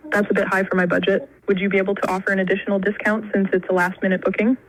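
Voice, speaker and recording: A man's voice: sits high, very fast. Metallic, robotic AI male voice on the phone. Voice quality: flat, robotic, evenly paced. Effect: metallic synthetic voice over a phone line. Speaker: AI phone agent booking hotel rooms. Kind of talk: polite scripted phone request. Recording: clip played from a phone call.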